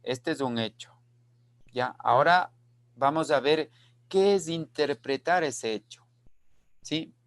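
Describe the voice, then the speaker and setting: A man teaching an online class, explaining slowly and repeating key phrases while checking that students follow. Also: a little high, dry recording. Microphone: video call.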